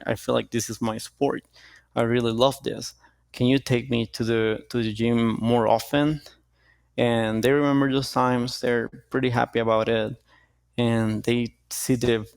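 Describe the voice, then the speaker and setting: Gravelly-voiced young man in a dry interview. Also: mid-range voice, dry recording. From Costa Rica. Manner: relaxed, halting, with restarts. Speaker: jiu-jitsu athlete, guest. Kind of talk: casual interview answers.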